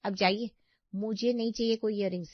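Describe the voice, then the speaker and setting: A woman's voice: medium pitch, fairly even intonation, a little fast, no echo, close to an everyday voice. A woman voicing a spiteful, scheming young sister-in-law in a cartoon story, with an accusing, whiny manner. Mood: scornful. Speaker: voice actor. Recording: dry, slightly dull audio.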